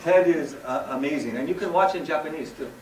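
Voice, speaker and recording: A man from the American West Coast gives a playful stage talk in simple English, his voice a little high. He is heard from far off in a roomy hall with a faint hum behind him. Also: fast talker, over a noisy crowd. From United States West Coast. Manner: lively, jokey, simple English for a Japanese audience. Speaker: presenter. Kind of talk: bilingual stage presentation. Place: large hall, recorded from afar. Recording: echoey hall, far from the mic.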